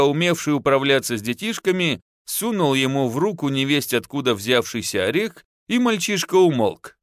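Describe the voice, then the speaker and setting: A man narrating an audiobook with expressive storytelling. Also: medium pitch, dry recording, studio quality.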